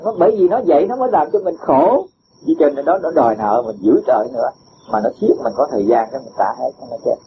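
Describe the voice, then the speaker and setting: Here a fast-talking man with a medium-pitched voice, a Buddhist teacher, gives a patient dharma talk in reply to a disciple. He leans on homely examples and chuckles often, and the lo-fi recording sounds dull with a faint hiss.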